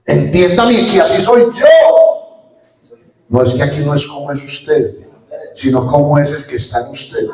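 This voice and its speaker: Pastor preaching in an echoey hall. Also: male voice, a little high, very animated, unhurried, pauses often, slight background noise. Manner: preaching with sudden rises and drops in loudness, quoting scripture. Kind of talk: Pentecostal sermon. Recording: echoey room from far off.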